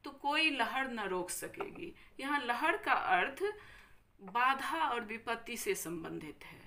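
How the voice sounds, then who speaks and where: A woman teacher with a Bihari Hindi accent giving a recorded grammar lesson, slowly repeating each word and checking in with her students. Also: fairly high pitch, animated, bright, forceful tone. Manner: slow, careful, repeats each word and checks with "thik hai".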